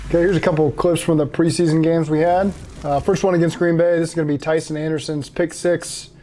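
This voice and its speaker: A head coach answering interview questions and then breaking down game film in a steady, matter-of-fact way. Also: male voice, a little high, fast, faint music behind.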